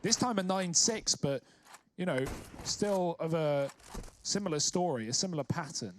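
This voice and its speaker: A man's voice: a little high, expressive, moderate pace, a little hiss or hum. A man giving esports color commentary on a headset, breaking down plays analytically with a lot of "you know".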